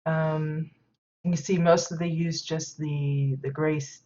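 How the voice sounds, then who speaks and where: A woman's voice: low voice, level tone, measured pace, mellow. A woman hosting a game stream, touring player housing in casual commentary, stuffy-nosed and rambling with many fillers. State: stuffy nose from sneezing. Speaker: game stream host giving housing tours. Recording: dull lo-fi stream audio.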